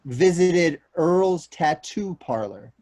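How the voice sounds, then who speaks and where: In a read-aloud of a comic play, a man voices an earnest, somewhat awkward police detective, speaking slowly in a fairly high, mellow, expressive voice. His tone is formal and questioning, his manner formal and apologetic, as befits a stage comedy table read.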